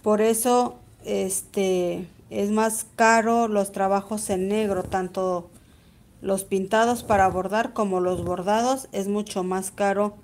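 Stitching during a live stream, a woman with a Mexican accent gives a chatty embroidery lesson and greets viewers by name. Her mid-range, slightly mellow voice is slow and fairly even.

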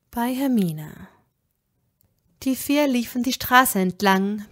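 Woman narrator, fan fiction reading, slow pace, measured. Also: medium pitch. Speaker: audiobook reader.

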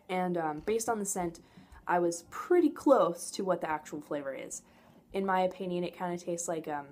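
Low-voiced young woman, noisy home recording. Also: a little mellow. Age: young adult. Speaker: product reviewer. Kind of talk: casual review to camera. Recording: noticeable background noise, home camera audio.

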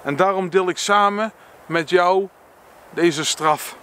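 A man with a Dutch accent reads a book passage aloud and reflects on it, slow and earnest, stumbling now and then and correcting himself. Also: high voice, a bit bright, clear, resonant tone.

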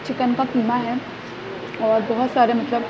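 Over heavy background noise and audio with the highs cut off, a young woman vlogs a food review from a small restaurant and its entrance, filming on a phone at arm's length. Her voice is a little high, flat and unhurried as she chattily describes each dish while tasting.

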